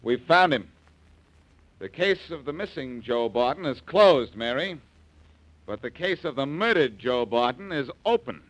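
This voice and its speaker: An actor in an old radio show playing a sharp, confident amateur detective. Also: male voice, medium pitch, animated, unhurried, highs cut off. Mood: grave, decisive. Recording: old radio recording with faint noise.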